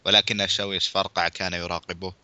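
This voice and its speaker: A man's voice: low voice, little pitch movement, sharp tone, no echo, muffled recording. A man casually reading a children's mystery aloud, breaking off for joking asides. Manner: rapid, brisk reading, breaks off for crude joking remarks. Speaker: reader.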